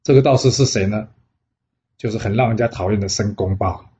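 A man's voice: on the low side, brisk, dark tone, dull audio. A man narrating a classic tale in a chatty way, asking rhetorical questions as he goes. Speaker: storyteller. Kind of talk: storytelling narration.

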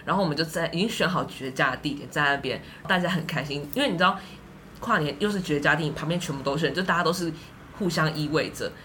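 Guest spot: a Taiwanese woman, animated storyteller, bright clear tone, quick to laugh. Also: sits low, a little hiss or hum. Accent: Taiwanese Mandarin. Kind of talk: casual podcast chat.

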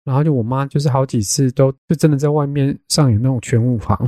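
A young man hosting a podcast, telling a family story in a casual, animated way and dropping in English words. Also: mid-range voice, quick pace, no echo, clean studio sound. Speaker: podcast host.

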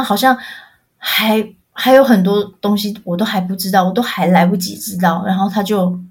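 A woman telling a personal story on a podcast over an online call, halting, repeating words as she searches for them. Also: mid-range voice, darkish tone, slightly rough. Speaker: podcast co-host.

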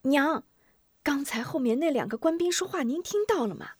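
A woman voicing an eager young boy who pleads urgently in a high, loud voice. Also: expressive, moderate pace, no room sound, clean studio sound.

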